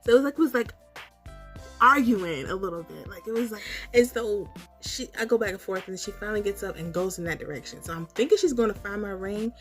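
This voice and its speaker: Female vlog storyteller, mid-pitched, hazy and puzzled dream recounting, casual and reactive, light music underneath. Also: fairly quick. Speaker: storytelling vlogger.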